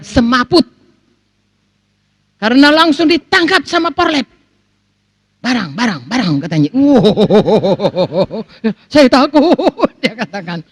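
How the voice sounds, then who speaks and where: Middle-aged woman pastor, lively swooping delivery, dry close sound. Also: high-pitched, no room sound. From North Sumatra. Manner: animated preaching, acts out quoted voices, keeps addressing the congregation. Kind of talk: sermon.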